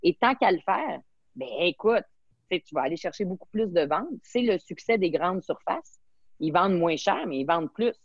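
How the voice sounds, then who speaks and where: A woman's voice: lowish voice, animated, normal speed, husky, no echo, dull audio. A woman from Quebec with a Québécois French accent, speaking enthusiastically as a guest in a webinar interview and mixing in English words.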